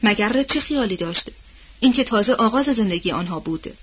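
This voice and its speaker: A woman's voice: mid-range voice, animated, husky. Woman reading a novel aloud, muffled. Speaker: audiobook narrator. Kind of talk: scripted novel narration. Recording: dull, muffled audiobook recording.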